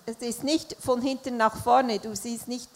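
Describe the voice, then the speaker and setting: A woman with a somewhat high voice interprets a sermon live, following the preacher closely. She occasionally hesitates or corrects herself. A long reverb hangs over the church hall. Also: steady tone, measured pace. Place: church service.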